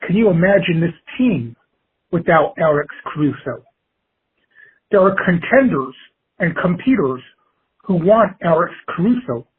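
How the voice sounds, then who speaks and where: A man with a rather high, very husky voice leaves a voicemail for a show. It comes through a tinny, narrow phone line. He lays out his opinion in measured, halting phrases with pauses between them. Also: animated. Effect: voicemail played over a phone line. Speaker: caller leaving a voicemail.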